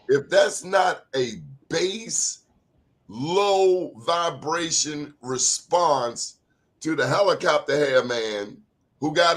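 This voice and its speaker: An American man hosting a casual, opinionated talk show in an animated, expressive way. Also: fairly high pitch.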